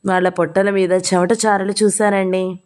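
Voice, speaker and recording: A woman's voice: mid-range voice, little pitch movement, normal speed, a little mellow, lightly acted. A woman voicing a timid, educated young bride who talks in a meek, apologetic way. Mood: sheepish.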